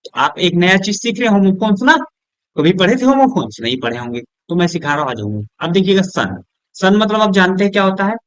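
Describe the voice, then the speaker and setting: A man with Hindi-accented English, teaching a lesson at a board, asking questions and answering them himself, softer and lower on each answer word. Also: very animated, fast, no echo. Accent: Hindi-accented English words. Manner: drops low and soft on the answer words; keeps checking with "is that clear?".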